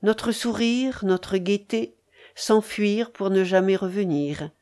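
A woman reading a novel aloud in a measured, mournful way. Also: mid-range voice, a little mellow. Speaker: reader. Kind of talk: literary audiobook narration.

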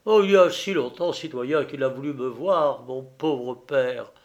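A man's voice: mid-range voice, unhurried, dull audio, natural voice. A man reading an audiobook, voicing a proud, anguished grown son who pleads urgently.

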